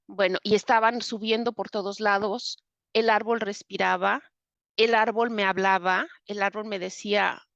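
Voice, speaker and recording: A woman's voice: mid-range voice, steady tone, normal speed, vocal fry, a bit bright, dry recording, muffled recording. A woman with a Mexican accent, a guest recounting a personal experience in vivid detail, with frequent fillers and restarts. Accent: Mexican Spanish. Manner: vivid retelling with many fillers. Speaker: interview guest. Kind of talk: personal storytelling.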